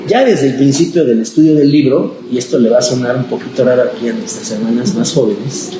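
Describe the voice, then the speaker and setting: A man's voice: medium pitch, a little fast. A man, a pastor leading a conversational Bible study class, asking the group questions and acting out the voices he quotes. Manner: chatty and animated, acts out quoted voices, asks the class questions. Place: church classroom. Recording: echoey room with background noise.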